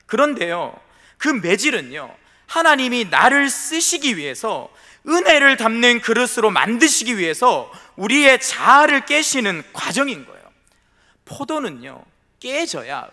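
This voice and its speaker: A man's voice: extremely high pitch, sing-song, a little slow, sharp tone, long reverb tail. A male pastor preaching a sermon in church, telling a personal story and addressing the congregation directly with emphasis. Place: church sanctuary.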